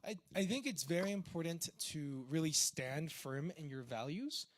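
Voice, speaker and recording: A man's voice: fairly high pitch, animated, normal speed. A young man from Peru with a Peruvian accent, speaking as a tech entrepreneur in a chatty, informal talk about his faith. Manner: chatty, informal, full of fillers.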